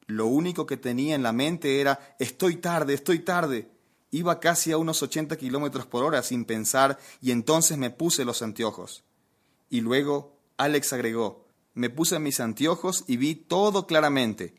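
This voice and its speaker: A man delivers a sermon built around a funny anecdote, telling it in a lively way and quizzing his audience. His voice sits at medium pitch and keeps a moderate pace.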